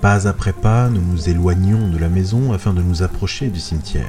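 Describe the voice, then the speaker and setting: A man narrating a first-person horror story in a hushed, suspenseful way. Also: deep voice, a little fast, music in the background.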